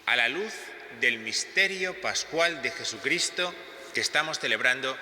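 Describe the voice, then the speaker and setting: Male priest, solemn liturgical delivery, sharp forceful voice, long cathedral echo. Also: mid-range voice, lively intonation, measured pace. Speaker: priest celebrating Mass. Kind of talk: solemn Gospel reading and homily. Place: large reverberant church. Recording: echoey church with long cathedral-like reverb.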